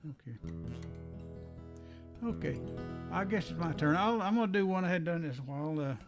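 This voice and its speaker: A man's voice: fairly high pitch, lively intonation, quick pace, music in the background. A man chatting casually on a video call, rambling and repeating his words. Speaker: songwriter.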